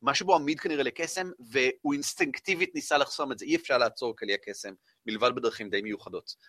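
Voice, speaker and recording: A man running a tabletop game as game master, narrating with many fillers and lively storytelling. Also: mid-range voice, dry recording, studio quality.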